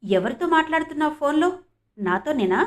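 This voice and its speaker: Woman reading an angry jealous young guy, loud and sneering, kinda high pitched. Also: expressive, fairly quick. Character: jealous, threatening young man, possessive ex-boyfriend. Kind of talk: audiobook character reading.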